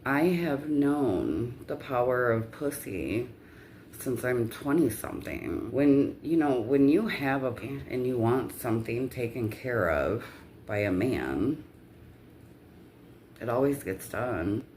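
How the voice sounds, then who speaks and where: A woman's voice: extremely low pitch, expressive, slow pace, darkish tone, slight background noise. A woman telling a personal story in a casual vlog rant, with blunt, profanity-heavy delivery.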